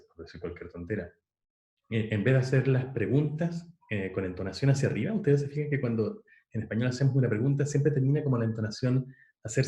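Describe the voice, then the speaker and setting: A male lecturer talks through a class, explaining patiently and pausing on fillers as he restarts his phrasing. His voice sits at an ordinary middle pitch for a man. The room around him is echoey. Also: dark tone. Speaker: university lecturer.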